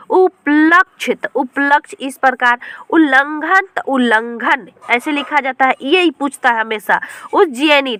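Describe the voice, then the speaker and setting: A woman's voice: sits high, sharp tone, no room sound. A woman teaching an exam-prep grammar lesson, patiently explaining and spelling out words letter by letter, often checking in with her listeners. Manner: addresses listeners as friends, checks in with "theek hai".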